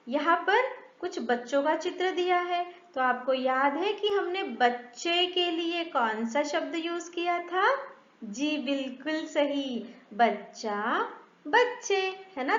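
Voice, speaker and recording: High-voiced slow teacher, echoey room. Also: female voice, a bit bright. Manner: slow, sing-song teacherly questioning. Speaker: primary school Hindi teacher. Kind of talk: children's grammar lesson. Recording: echoey, slightly dull room sound.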